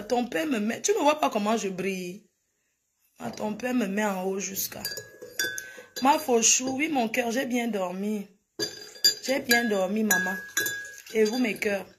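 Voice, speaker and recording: A woman hosting a casual morning live stream, chatting softly and greeting her viewers with terms of endearment. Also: mid-range voice, a little hiss or hum.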